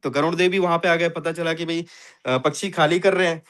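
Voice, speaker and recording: Man, high voice, motivational talk, emphatic, repeats catchphrases, video call. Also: steady tone, fairly quick, a bit bright. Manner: emphatic, repeats catchphrases, addresses audience as friends. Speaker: motivational speaker in an online finance meeting.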